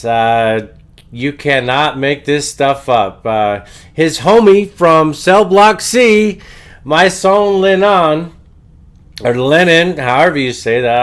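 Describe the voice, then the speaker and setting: A man delivers opinionated news commentary as the host of his show. His voice is clean and smooth though congested with a head cold, and he takes his time, halting on long uhs. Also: fairly high pitch, animated, a bit bright.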